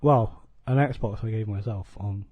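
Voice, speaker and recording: A man's voice: fairly low pitch, unhurried, slightly rough, dry recording, narrow, tinny audio. A man in his thirties with a lisp, co-hosting a casual podcast chat with dry, teasing banter. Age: 30s. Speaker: podcast co-host. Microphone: studio podcast mic.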